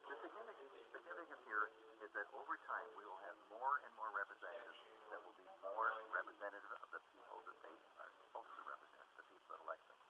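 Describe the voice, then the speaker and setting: A man's voice: lowish voice, fast, few pauses. A man answering reporters as a city councillor, restarting and repeating words as he explains. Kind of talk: answering reporters at a press scrum. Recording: noisy press scrum recording.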